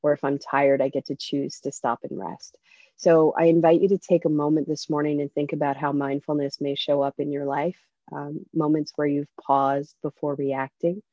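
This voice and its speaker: A woman leading a guided breathing meditation over a video call, speaking softly with gentle invitations. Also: low voice, little pitch movement, no room sound. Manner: slow, soft-spoken, gentle invitations. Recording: dull lo-fi video call audio.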